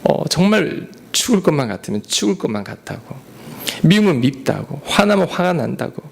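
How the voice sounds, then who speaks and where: A man preaching a sermon, his voice gravelly and full of lively pitch swings. He rises suddenly to loud, pressing lines and drops to soft, whispered asides. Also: brisk. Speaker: pastor.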